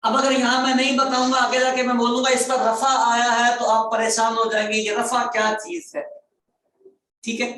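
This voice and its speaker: A male grammar teacher leading an online class. He repeats key terms, quizzes his students and stretches words slowly for emphasis. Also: very high voice, level tone, pushed and bright. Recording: very echoey room, voice far from mic.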